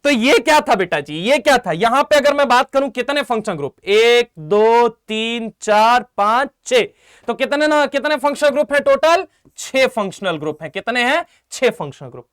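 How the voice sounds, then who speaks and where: A man's voice: very high-pitched, normal speed, smooth, no room sound, clean studio sound. A man teaching chemistry in an online exam-prep class, firing questions at his students and coaxing them to answer back. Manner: energetic call-and-response questioning; coaxing, calls students "beta" and "bhai".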